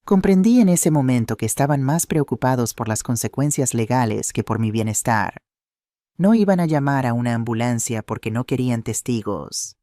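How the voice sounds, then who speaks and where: A man reading a dramatic first-person story in steady narration. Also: mid-range voice, no echo, clean studio sound.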